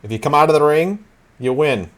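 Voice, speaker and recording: A man's voice: a little high, animated, brisk, pitched above the performer's own voice, close to an everyday voice. A man voicing a short, greasy-haired human fight promoter who talks in a brusque, folksy, businesslike way. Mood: matter-of-fact.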